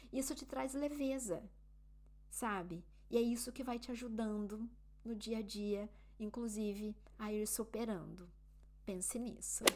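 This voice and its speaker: A woman from Brazil with a Brazilian Portuguese accent, talking casually to camera in a vlog and often checking in with her viewers. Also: on the high side. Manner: chatty, often asks the viewer "né?" and "entende?". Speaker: vlogger living abroad. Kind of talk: casual advice talk to camera.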